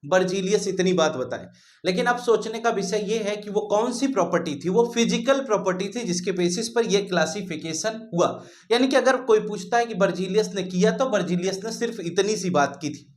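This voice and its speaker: A man's voice: high-pitched, normal speed. A man teaching a chemistry lesson, who calls his students "beta", asks questions and answers them himself, and repeats his key points. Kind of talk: classroom lecture.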